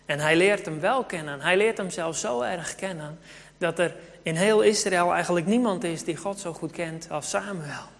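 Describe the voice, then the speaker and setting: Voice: mid-range voice, in a large hall. A preacher giving a sermon and telling a Bible story, turning now and then to speak to the children in the congregation.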